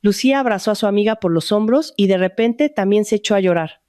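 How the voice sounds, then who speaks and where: Woman narrator with a mellow voice. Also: medium pitch, dry recording, clean studio sound. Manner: measured, even storytelling. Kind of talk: scripted story narration.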